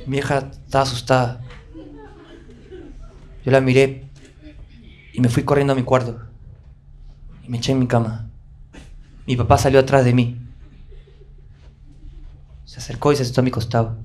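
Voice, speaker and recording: A young adult man doing stand-up storytelling, animated and swearing, talking himself up. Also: medium pitch, normal speed, pauses often. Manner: animated, swearing, self-addressing. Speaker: stand-up comedian. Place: theater stage.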